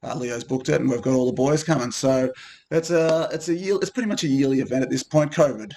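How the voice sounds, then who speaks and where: Gravelly man, casual chat. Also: medium pitch, fast talker. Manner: relaxed, rambling with many ums and restarts. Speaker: co-host of a gaming group video.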